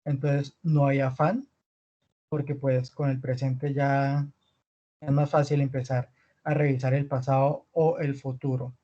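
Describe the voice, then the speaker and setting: A man teaching an online language lesson, patiently repeating words slowly for his students. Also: mid-range voice, flat delivery, warm tone, lo-fi sound. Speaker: Spanish teacher.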